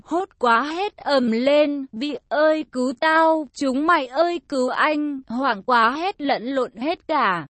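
A woman narrating a first-person story in a lively, colloquial way. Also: high-pitched, no room sound.

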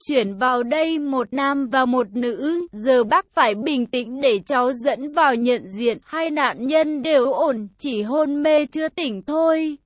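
A composed young emergency-room doctor, speaking with measured, reassuring firmness, voiced by a woman reading the story. Her voice is high and recorded close and dry. It comes from a narrated audio story. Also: no echo. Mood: calm reassuring. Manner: calm, reassuring, turning stern.

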